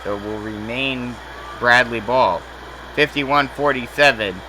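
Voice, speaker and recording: A man calling simulated basketball play-by-play, rattling off each possession and jumping up in pitch and volume when a shot drops. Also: noisy background. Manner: rapid play calling that rises sharply on made shots. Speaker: play-by-play announcer.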